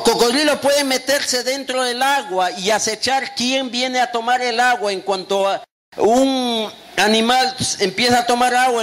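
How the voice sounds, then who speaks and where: A man preaching a sermon as a pastor, emphatic and acting out quotes, at times breaking into shouts. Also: very high-pitched.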